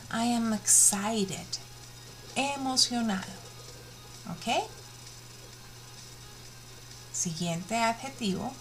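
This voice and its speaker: A woman's voice: fairly high pitch, a bit bright, poor audio. A woman with a Colombian Spanish accent teaching a bilingual English lesson to young students, drawing out each word for them to repeat. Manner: slow, drawn-out pronunciation drills.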